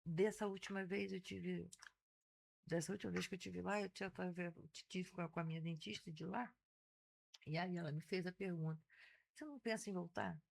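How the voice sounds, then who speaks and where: A woman in her sixties with a Carioca accent, speaking as an interview guest. Her voice has a gravelly, fry-edged texture. She tells her stories with animation and keeps restarting her sentences. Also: fairly low pitch, brisk. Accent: Carioca Portuguese. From Brazil (Rio de Janeiro). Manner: animated storyteller, frequent self-restarts. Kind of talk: casual conversational interview.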